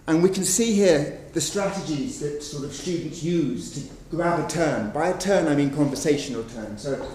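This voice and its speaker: A man presents his research in a conference room, his voice on the high side and a little mellow, moving at a moderate pace with hardly any pauses. Explaining examples patiently, he keeps hedging with "sort of." The sound is echoey, with a far-off mic and faint noise.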